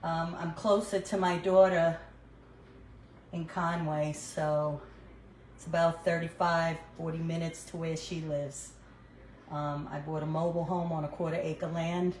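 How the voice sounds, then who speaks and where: A woman's voice: low-pitched, little pitch movement, measured pace, darkish tone, reverberant, slight background noise, low-quality recording. An older woman with a New York accent, chatting casually with her viewers while cooking in her kitchen, recorded on a phone. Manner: chatty, answers viewers as she cooks. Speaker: cooking livestream host. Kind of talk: casual live cooking chat. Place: home kitchen.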